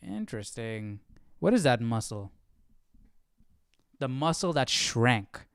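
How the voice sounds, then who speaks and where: Hosting a Bible study stream, a man speaks slowly in a sing-song, medium-pitched voice with a clean tone. He keeps it informal, posing questions, musing aloud, and muttering under his breath, and the studio recording has no room sound.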